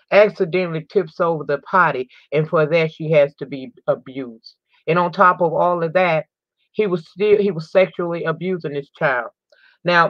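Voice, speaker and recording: Reading a crime article aloud for her news channel, a low-voiced woman breaks in with indignant remarks and repeats words for emphasis, sometimes tripping over a line and starting it again. The audio is dull, dry, and low fidelity.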